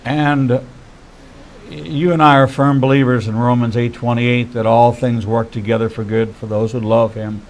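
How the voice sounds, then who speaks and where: A man in his sixties hosting a faith-based interview, speaking in measured, preacherly phrases. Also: medium pitch, level tone, a little hiss or hum, poor audio. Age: 60s.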